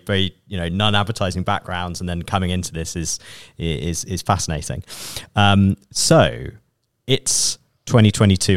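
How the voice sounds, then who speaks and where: Male podcast host, very deep voice, dry close sound, brisk moderator. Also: no echo. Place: London.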